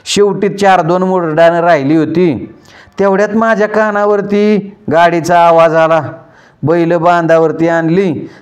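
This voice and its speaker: Slow, wry village storyteller, a man. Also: sits high, little pitch movement, clean tone, dull audio. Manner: wry, self-mocking, addresses listeners directly. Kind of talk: rural folk storytelling.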